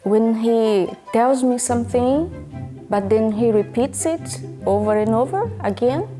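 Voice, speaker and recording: A woman from Brazil, a talk show guest speaking haltingly. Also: on the high side, animated, warm tone, soft background music. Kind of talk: casual talk show chat.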